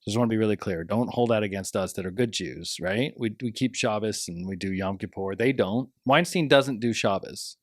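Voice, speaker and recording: A man's voice: fairly low pitch, normal speed, few pauses, dry recording, clean studio sound. A young man co-hosting a podcast, talking casually in a chatty, earnest way. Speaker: podcast co-host.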